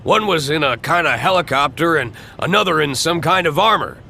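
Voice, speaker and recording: A man's voice: on the high side, lively intonation, brisk, creaky, sharp tone, slight background noise, full character voice. An audiobook narrator voicing a grown fisherman who recounts the attack dramatically. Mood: dramatic. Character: grown fisherman, showy storyteller.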